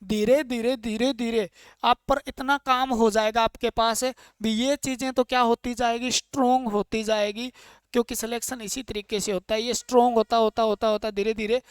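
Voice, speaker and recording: A man from India teaching an online exam-prep class, firing questions at his students and answering them himself. His voice is smooth and clear. The sound is close and dry, with no room echo. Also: very high-pitched, fairly even intonation, normal speed. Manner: drilling, asks questions and answers them himself, repeats points; earnest, coaxing tone with students. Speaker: trade theory teacher.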